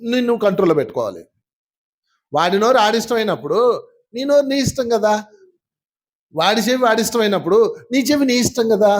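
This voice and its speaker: High-voiced male spiritual teacher. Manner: lively storytelling, asks the audience questions. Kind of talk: spiritual class talk.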